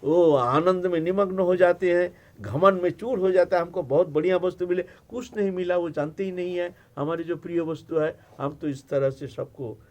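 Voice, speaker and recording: A man gives voice to an anxious male god who guards a secret and frets over a strange request. His voice sits high and he repeats himself insistently as he tells the story in a sermon. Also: moderate pace, natural voice. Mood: explaining. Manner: fretful, insistent repetition.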